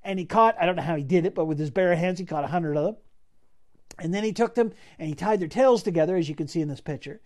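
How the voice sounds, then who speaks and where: A man's voice: a little high, fast talker, darkish tone. A man preaching a sermon, retelling a Bible story in a casual, conversational way with asides to the listeners. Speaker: pastor.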